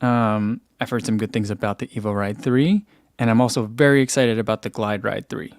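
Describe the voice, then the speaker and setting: A young man with a soothing, lowish voice hosts a casual running live stream from a room at home, talking a little fast into a desk microphone by his computer. He's relaxed and chatty, laughing easily and using many fillers as he reads comments aloud. The studio-clean sound has no echo.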